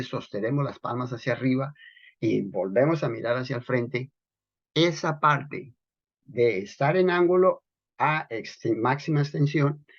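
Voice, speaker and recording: A man teaching breathing in qigong practice, patiently explaining and repeating key terms slowly. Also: mid-range voice, dull audio. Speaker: qigong instructor. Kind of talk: instructional explanation.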